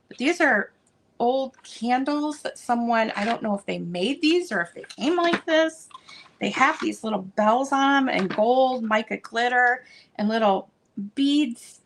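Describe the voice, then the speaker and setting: A woman selling vintage items, chatting casually and meanderingly as she unpacks, with plenty of fillers, and a voice that is going a bit hoarse. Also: fairly high pitch, unhurried, noisy background. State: losing her voice. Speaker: vintage seller showing stock. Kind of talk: casual unboxing chat.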